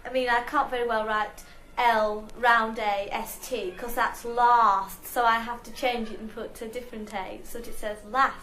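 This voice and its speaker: A woman with a higher voice explains a reading method earnestly. The sound is roomy and echoey. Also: steady tone, normal speed, pushed and bright. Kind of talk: interview.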